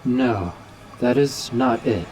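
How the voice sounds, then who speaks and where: A man's voice: medium pitch, takes it slowly, darkish tone, a little hiss or hum, natural voice. A man voicing a formal, troubled android. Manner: formal, precise, no contractions. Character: earnest young male android ninja, formal and troubled. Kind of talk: fan audiobook voice acting.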